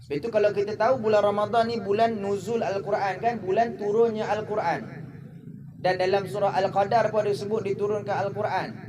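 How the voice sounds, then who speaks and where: A man's voice: high-pitched, flat delivery, a little fast, a crowd in the background. A Malaysian man giving a humorous Ramadan lecture in a mosque, telling stories and mimicking characters. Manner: jokey storytelling, mimics characters. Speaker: preacher.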